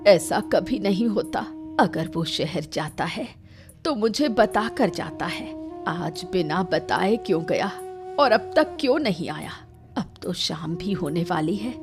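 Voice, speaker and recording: A woman's voice: fairly low pitch, animated, slow, over music. A woman voicing a worried, pleading elderly mother in a cartoon story. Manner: pleading, tearful. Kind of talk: cartoon voice acting.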